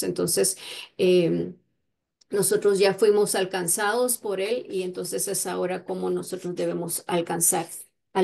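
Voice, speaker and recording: A woman's voice: lowish voice, creaky, a little mellow. A woman giving an informal Bible teaching in a conversational way, often checking in with her listeners. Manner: conversational, many fillers and "verdad?" tags.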